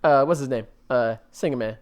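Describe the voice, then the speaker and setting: A man's voice: medium pitch, fairly quick, close to an everyday voice. A man voicing a rambling old grandpa who meanders and loses his thread.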